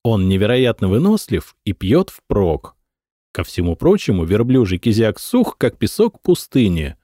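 Male narrator for a historical audiobook, low voice, dry close recording. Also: no room sound. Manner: measured, expressive reading. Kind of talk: scripted narration.

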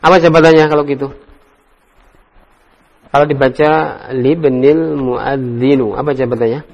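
A man's voice: mid-range voice, fairly even intonation, moderate pace, a little mellow, big-room sound, dull audio. A male religious teacher leading a classroom Arabic grammar lesson. He quizzes his students one by one and explains each answer patiently, with the odd joke. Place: classroom study circle.

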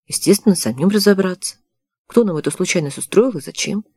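A woman's voice: fairly low pitch, lively intonation, fairly quick, a little mellow, slightly rough, dry recording, clean studio sound, voice pushed up. A woman voicing a confident young male journalist in an audiobook, curt and condescending.

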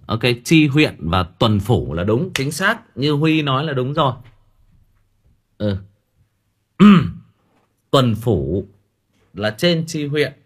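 A man's voice: mid-range voice, sing-song, takes it slowly, pauses often, husky. Guy rambling to his listeners, lots of uhs and repeats, voice jumps all over. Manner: rambling, with frequent hesitations and repeated words. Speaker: audiobook reader chatting with listeners on a livestream. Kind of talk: casual livestream chat.

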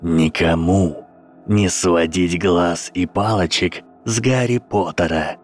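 A man voices a menacing dark lord, very deep and unhurried, slow, low and deliberate. His tone stays cold and quietly amused over a faint bed of music.

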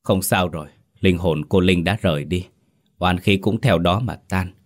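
Man reading as a steady older exorcist master, deep voice, measured counsel in a storybook. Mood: reassuring. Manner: measured, instructive.

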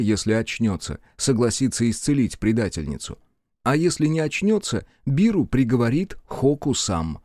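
A man narrating a dark fantasy audiobook in an expressive, dramatic reading into a studio microphone. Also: mid-range voice, dry recording. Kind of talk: scripted fiction narration.

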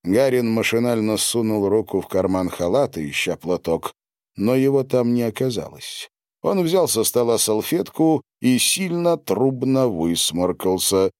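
A man narrating an audiobook with an expressive reading. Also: fairly low pitch, a little slow, dry recording, clean studio sound.

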